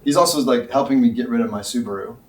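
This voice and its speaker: A man, a company executive, eagerly introducing a guest in casual chat, talking fast and repeating words as he goes. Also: mid-range voice, crowd noise. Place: Ledger's Paris headquarters. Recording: roomy, distant.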